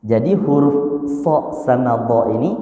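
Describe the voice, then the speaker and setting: Slow echoey male teacher. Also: medium pitch, lively intonation, dark tone, highs cut off. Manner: asks questions and answers them himself, counts aloud, chants examples. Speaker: Quran recitation teacher. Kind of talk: classroom teaching with call-and-response. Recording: echoey room with long reverb.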